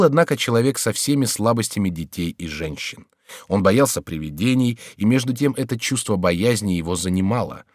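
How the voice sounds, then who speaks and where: A man narrating a historical novel as an audiobook in an expressive, measured storytelling way. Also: medium pitch, dry recording, studio quality.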